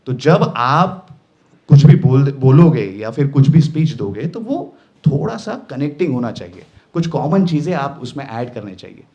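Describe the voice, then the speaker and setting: A man teaching a live voice-over workshop in an animated, emphatic and playful way. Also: mid-range voice, normal speed, highs cut off. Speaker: voice-over trainer.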